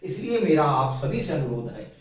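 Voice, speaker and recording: Male Hindi teacher, fairly high voice, slow, patient board explanations, recorded far from the mic in a very echoey room. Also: very animated. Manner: slow, explanatory, repeats key points. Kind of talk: whiteboard grammar lesson.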